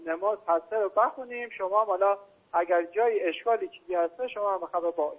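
A man from northern Iran with a northern Iranian accent, calling in by phone, polite and deferential, reciting slowly. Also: high voice, breathy edge. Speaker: caller. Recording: tinny phone line.

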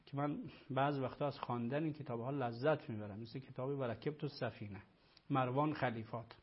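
A man's voice: mid-range voice, steady tone, slightly rough, lo-fi sound. A man, a religious scholar, answering a caller's questions in a live call-in discussion, lecturing emphatically and repeating phrases.

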